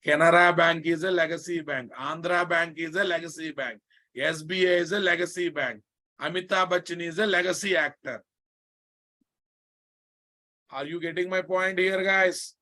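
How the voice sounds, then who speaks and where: Slow, higher-pitched man with Telugu Indian accent. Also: a bit bright. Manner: emphatic repetition with frequent check questions to students. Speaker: programming instructor. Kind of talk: live online technical lesson.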